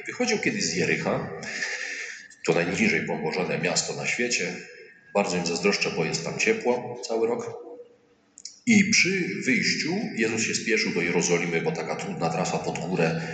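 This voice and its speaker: Deep-voiced priest preaching in an echoing church. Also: male voice, very animated, moderate pace, sharp tone, a little hiss or hum. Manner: colloquial and humorous, acts out quoted voices. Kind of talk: sermon. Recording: echoey church hall with faint ambience.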